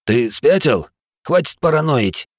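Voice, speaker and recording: A man's voice: medium pitch, very animated, unhurried, no echo, voice pushed up. A man voicing tense, sarcastic male companions in an audiobook, lifting his voice above his narration.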